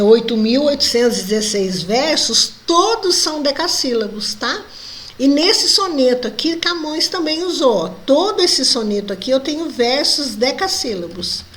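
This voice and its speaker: A woman's voice: a little high, fairly bright tone, a little hiss or hum. A woman teacher with a Brazilian accent, walking students through a lesson and checking in with tag questions. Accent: Brazilian Portuguese. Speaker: Portuguese language teacher. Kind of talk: recorded online lesson.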